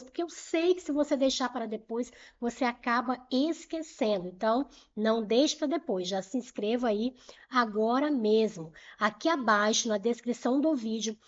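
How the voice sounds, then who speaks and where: Brisk woman teacher, dull muffled recording. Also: a little high. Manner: didactic, repeats key points and asks rhetorical questions; brisk and urging, pushes the viewer to move on. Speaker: Portuguese grammar teacher. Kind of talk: online exam-prep grammar lesson.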